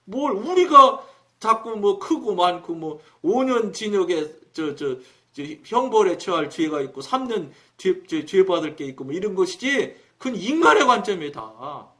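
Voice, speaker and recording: A man preaching on his own broadcast, telling a story in a colloquial, animated way and acting out the dialogue. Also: high-pitched, measured pace. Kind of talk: storytelling sermon.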